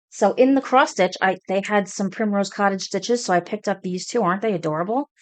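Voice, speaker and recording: Speaking at a medium pitch in a dry recording, a Brooklyn-accented woman in her forties, a New Yorker from Brooklyn, shows off cross stitch work on her home video channel. Her talk is a loose, somewhat rambling show-and-tell.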